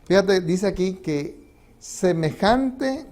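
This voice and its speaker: A man's voice: high voice, lively intonation, slow, a little mellow. A middle-aged man, a pastor preaching a sermon in a church and often asking the congregation questions. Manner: conversational, asks the congregation questions and laughs. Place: church sanctuary.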